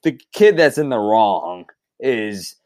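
A man's voice: lowish voice, sing-song, slow, darkish tone, no echo. A man on a podcast telling a story in casual chat, rambling with lots of fillers and restarts and swearing freely. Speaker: podcast co-host.

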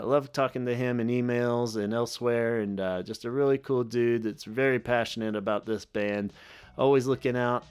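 A man's voice: medium pitch, smooth. A man hosting a podcast, talking loosely and casually with plenty of fillers. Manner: loose and rambling, many fillers. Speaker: podcast host.

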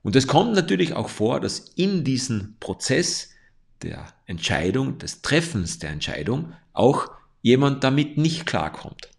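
A man giving a motivational coaching talk, speaking directly to the listener in a calm, explanatory way. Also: medium pitch, unhurried, vocal fry, husky.

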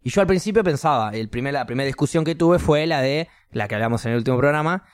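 A man's voice: medium pitch, quick pace, smooth, no echo. A young man with a Rioplatense Spanish accent, chatting casually as a podcast co-host and acting out voices in his stories. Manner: animated storyteller, acts out voices. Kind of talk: casual chat.

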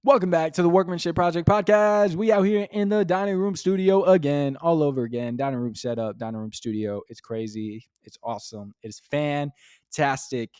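A man's voice: fairly high pitch, moderate pace, darkish tone, smooth, no room sound, clean studio sound. A young man hosting a casual faith podcast from his dining room, talking enthusiastically and rambling with lots of fillers. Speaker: podcast host. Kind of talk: casual devotional podcast talk.

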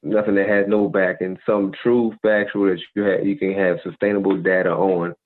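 A very deep-voiced man holds forth on a podcast in a preachy, laid-back way. He leans on "you feel me" constantly. His voice comes through a thin, phone-like band. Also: flat delivery, moderate pace. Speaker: podcast co-host. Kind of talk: casual advice monologue. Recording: tinny phone-like audio.

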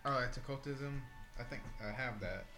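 A man's voice: medium pitch, normal speed, pushed and bright, roomy sound, soft background music. A man chatting casually as a player in a tabletop role-playing game.

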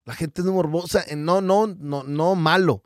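A Mexican man with a Mexican Spanish accent, a podcast guest in casual chat, telling stories in a lively, slangy way and acting out what people said. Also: a little high, measured pace, no echo, clean studio sound. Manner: animated storyteller who acts out quotes, slangy and profane. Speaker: podcast guest, business founder.

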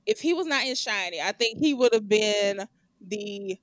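A woman's voice: mid-range voice, lively intonation, moderate pace, no room sound. A woman co-hosting a music review podcast, talking in a rambling, enthusiastic way and laughing often. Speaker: podcast co-host. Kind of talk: casual chat.

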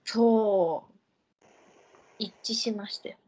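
A young woman from Fukuoka speaking in Hakata dialect, co-hosting a casual chat and telling a story with lively voiced quotes. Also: mid-range voice, slow pace. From Fukuoka, Japan. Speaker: podcast co-host, salon worker. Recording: slightly dull lo-fi recording, faint noise.

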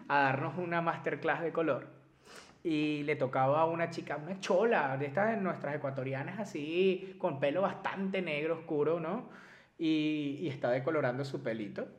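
A man's voice: a little high, normal speed. A man from Latin America, a hairstylist hosting a casual talk show, joking and teasing as he tells stories. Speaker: hairstylist host. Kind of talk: casual chat. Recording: roomy echo.

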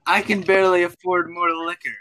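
A man's voice: high-pitched, little pitch movement, a little fast, sharp tone, no room sound, rough recording. A man doing playful mock-drunk improv banter with friends on a call. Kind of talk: improv comedy over a call.

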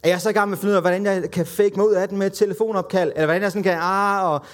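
A man's voice: sits high, fairly even intonation. A man preaching a conversational, self-deprecating sermon and acting out the voices of the people in the story.

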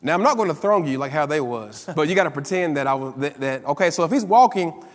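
A man preaching a sermon as pastor, calling on the congregation to answer back and building up to loud, emphatic peaks. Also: fairly high pitch, expressive, fast, long reverb tail.

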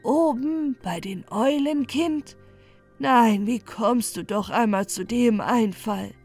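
A woman voicing a caring old grandmother who gently scolds in a storybook. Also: a little high, takes it slowly, faint music behind. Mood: doubtful. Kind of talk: storybook reading.

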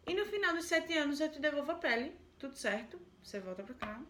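Brief: a lonely, wheedling fisherman, as a woman storyteller puts him on, soft and hushed, in a roomy space. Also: sits high, sing-song, quick pace, voice pushed up. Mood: coaxing. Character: lonely, coaxing male fisherman.

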